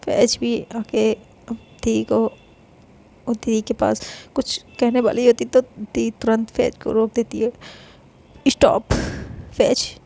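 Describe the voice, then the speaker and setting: High, gravelly woman storyteller. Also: flat delivery, slow, mellow. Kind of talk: reading a romance story aloud.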